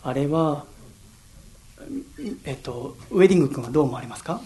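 A man's voice: fairly high pitch, lively intonation, brisk, dark tone. A young man from Yokohama hosting a solo radio show, telling personal stories in an earnest, reflective way. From Yokohama, Japan. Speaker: radio host.

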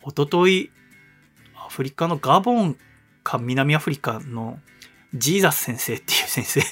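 A man's voice: mid-range voice, lively intonation, normal speed, fairly bright tone, husky, soft background music. A man hosting a radio show, telling a rambling story in a casual, chatty way full of fillers and reading listener mail.

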